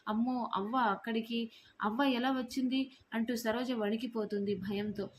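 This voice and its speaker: A woman's voice: on the high side, steady tone, normal speed. Woman reading a horror story dramatically. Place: home. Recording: faint background noise.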